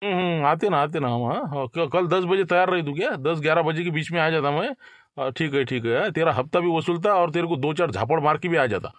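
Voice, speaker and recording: A man's voice: fairly high pitch, brisk, fairly bright tone, dry recording, lightly acted. A man playing a menacing, swaggering local extortion racketeer in a comic sketch. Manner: menacing, swaggering street talk.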